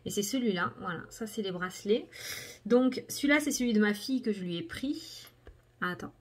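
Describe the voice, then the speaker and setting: A woman's voice: medium pitch, expressive, fairly quick, breathy edge. A middle-aged woman hosting a casual review video, chatting with lots of fillers while showing items to the camera. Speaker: cartomancy video host. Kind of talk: casual product review chat.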